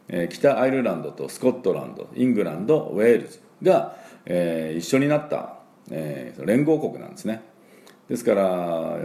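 A middle-aged man with chatty, filler-heavy talk, hosting a daily English lesson and slowly drilling pronunciation. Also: sits low, creaky, warm tone, echoey room. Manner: chatty, many fillers, slow drawn-out teaching of sounds. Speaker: English teacher and school head.

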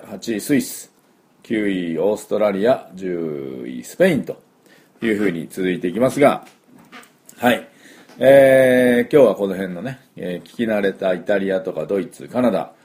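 Male school principal, middle-aged, casual lesson host, fillers and drilled sounds, low animated voice. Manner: chatty, many fillers, repeats sounds for drill. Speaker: English school principal teaching pronunciation.

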